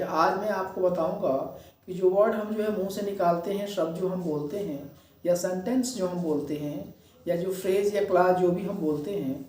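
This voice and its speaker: A man giving a spoken English video lecture, explaining step by step, mixing Hindi with English phrases and slowing down to stress the English definitions. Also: high-pitched, darkish tone. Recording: echoey, voice from a distance.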